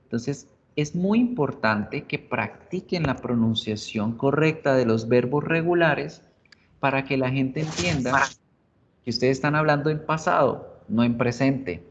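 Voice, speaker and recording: A male English teacher giving an online class, explaining grammar in Spanish and slowly repeating English examples. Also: medium pitch. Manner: calls students "chicos", jokes in class. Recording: muffled video-class audio, faint hiss.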